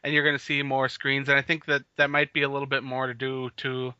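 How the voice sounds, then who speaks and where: A man's voice: medium pitch, completely flat delivery, quick pace, sharp tone, clean tone, dry recording. A man co-hosting a casual sports podcast, leading the talk and laughing often. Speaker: podcast co-host. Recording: dull lo-fi podcast audio.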